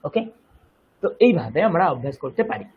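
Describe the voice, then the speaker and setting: A man with a Bengali accent teaching a Sanskrit lesson, speaking slowly and deliberately and chanting verses syllable by syllable. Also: fairly high pitch, sing-song, slightly rough, narrow, tinny audio. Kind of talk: online language lesson.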